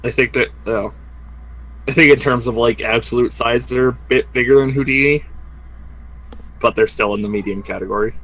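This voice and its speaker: A man runs a tabletop game over an online group voice chat, talking loosely and often pausing on fillers. His voice sits at an ordinary middle pitch for a man. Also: steady tone, fairly bright tone, low-quality recording. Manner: casual, halting with frequent fillers. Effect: heard over online group voice chat. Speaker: game master.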